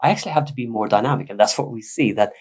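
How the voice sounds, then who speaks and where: Gravelly man, animated. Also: on the low side, racing. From Sweden. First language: Swedish. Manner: animated, explanatory, emphatic. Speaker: guest psychotherapist. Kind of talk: conversational podcast interview.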